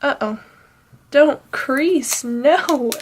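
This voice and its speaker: An animated young planner vlogger speaks in a high voice, drawing out her words, her tone nasal and stuffed-up from allergies. In this casual plan-with-me chat she rambles with fillers, over a faint hiss or hum.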